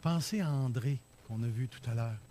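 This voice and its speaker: A man's voice: medium pitch, normal speed, mellow, a little hiss or hum. A man with a Québécois accent preaching a sermon, telling a vivid story and putting rhetorical questions to the congregation. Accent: Québécois French. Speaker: pastor.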